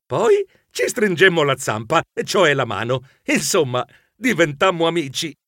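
A man narrating a children's story with lively expression, squeaking when excited. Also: unhurried, vocal fry. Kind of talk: animated audiobook narration.

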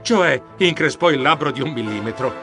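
A man narrating a children's adventure audiobook in the first person, with theatrical, expressive delivery. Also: mid-range voice, moderate pace, over music.

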